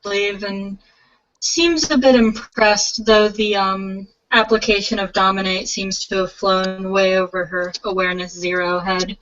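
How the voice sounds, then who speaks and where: A woman's voice: medium pitch, fairly even intonation, unhurried, fairly bright tone. A woman player in a tabletop role-play narrating her character's actions, casual and with hesitant fillers, on a slightly muffled recording.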